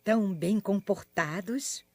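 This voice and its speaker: A woman voicing a kindly, doting grandmother pig in a children's cartoon dub, fond and expressive. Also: mid-range voice, takes it slowly, noisy background, close to an everyday voice. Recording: loud music behind the voice.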